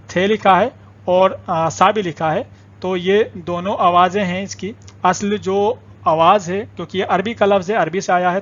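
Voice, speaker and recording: Casting note: high-voiced male teacher, patient and repetitive, many hesitant pauses, dull lo-fi recording. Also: a bit bright. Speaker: Urdu teacher. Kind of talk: online language lesson.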